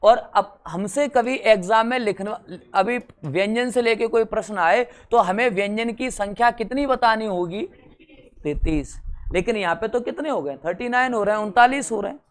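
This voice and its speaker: A man's voice: sits high, normal speed. A man from India giving a classroom lecture at a board, talking conversationally, checking that students follow and adding wry, teasing asides. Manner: conversational, addresses students directly, checks understanding. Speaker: teacher.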